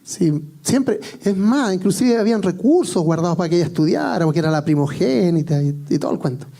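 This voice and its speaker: Bright-voiced Chilean preacher man. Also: sits high, expressive, a little fast, creaky. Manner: joking, conversational storytelling. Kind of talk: sermon with personal anecdote.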